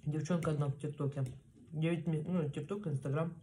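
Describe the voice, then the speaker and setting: A woman in her thirties chatting casually to the camera at home, chewing as she talks and pausing for bites. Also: sits low, steady tone, dark tone. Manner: chewing while talking, with pauses for bites. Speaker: mukbang vlogger. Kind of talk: casual chat to camera while eating. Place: small room at home, indoors. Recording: clear background noise, cutlery and dish clatter. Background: cutlery and plates clinking.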